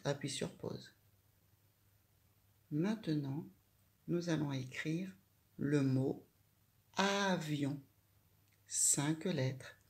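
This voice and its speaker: A woman's voice: low voice, a little mellow. A woman teaching a child handwriting, giving patient step-by-step instructions.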